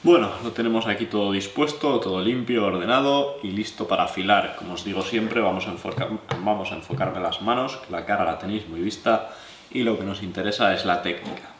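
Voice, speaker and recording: Young Spanish man with a lowish voice, relaxed hands-on sharpening tutorial, faint background hum. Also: fairly quick, echoey room. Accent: Spanish from Spain. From La Mancha, Spain. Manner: relaxed, explanatory, chatty asides. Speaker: knife sharpening instructor. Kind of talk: hands-on tutorial, addressing viewers. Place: living room, seated at wooden table.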